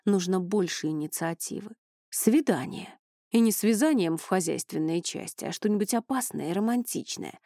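A woman's voice: medium pitch, animated, normal speed, mellow, no echo, natural voice. A woman narrator voicing a confident young man with dragon blood, speaking bluntly and firmly, recorded dry and close. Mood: firm, brisk. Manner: blunt, commanding.

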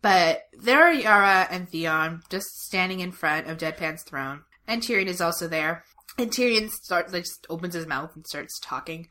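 A woman's voice: fairly low pitch, expressive, normal speed, bright, forceful tone. A woman co-hosting a casual show recap podcast, talking sarcastically with lots of "like" as filler. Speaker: podcast co-host.

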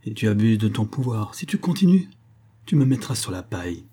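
A man's voice: fairly low pitch, sing-song, a little fast, mellow, slightly rough. A man reading aloud and voicing a bitter, tormented male pastor with a strained manner. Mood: angry.

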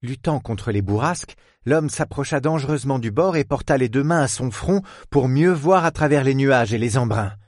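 A man narrating a novel as an audiobook, in a measured, literary storytelling manner. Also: mid-range voice, expressive, a little mellow, no room sound, clean studio sound.

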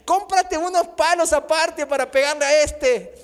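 A preacher voicing an exasperated mother who nags her husband in a shrill, high voice. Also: unhurried. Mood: scolding. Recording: long hall reverb.

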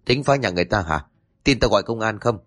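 A man voicing a blunt, nosy older village woman who talks in rapid, coarse, familiar chatter. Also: lowish voice, expressive, fairly bright tone. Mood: gossiping.

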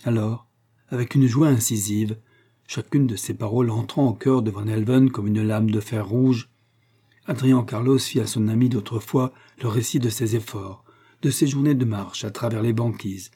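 Dark-voiced man reading a novel. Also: mid-range voice, steady tone, breathy edge. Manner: measured, dramatic reading. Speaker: narrator.

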